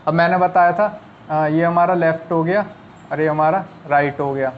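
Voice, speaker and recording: A man's voice: on the high side, steady tone, moderate pace. A man teaching a shorthand lesson, patiently repeating each rule step by step. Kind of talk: classroom lesson explaining at a board. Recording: slightly dull lo-fi recording with faint noise.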